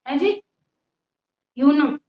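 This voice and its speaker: A woman's voice: sits high, extremely slow. A young woman teaching a casual live online class, chatty and teasing with her students, with a cold and a cough. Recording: roomy, dull lo-fi sound.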